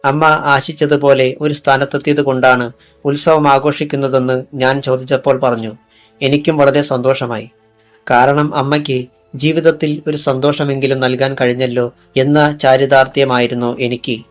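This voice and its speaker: A man reading the part of a calm, brave young man wounded by a bullet, in an audiobook. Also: mid-range voice, moderate pace, soft background music, lightly acted.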